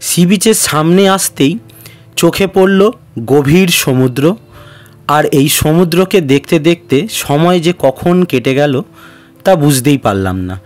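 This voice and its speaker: A man reading a slow, poetic voice-over narration. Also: a little high, lively intonation, soft background music.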